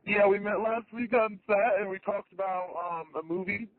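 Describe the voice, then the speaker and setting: A woman using a voice changer to pose as a male caller named Frank, pressing a deadpan prank over the phone. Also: mid-range voice, normal speed, a crowd in the background. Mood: insistent. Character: fake caller posing as a man named Frank. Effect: voice changer morphing her voice. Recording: tinny phone line with faint hiss.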